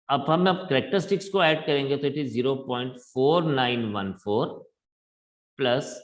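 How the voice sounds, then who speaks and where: Slow, deliberate man teaching math. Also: mid-range voice. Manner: slow, deliberate, mixes Hindi and English. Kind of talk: classroom lecture.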